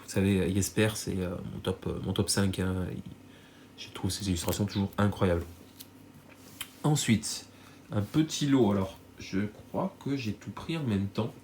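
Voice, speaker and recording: A man's voice: fairly low pitch, measured pace, a little mellow, a little hiss or hum. A man with a stuffy nose from a cold, chatting casually to viewers as he shows off cards he bought, rambling with many fillers and restarts. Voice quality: nasal. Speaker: card collector YouTuber. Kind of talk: casual unboxing chat to viewers.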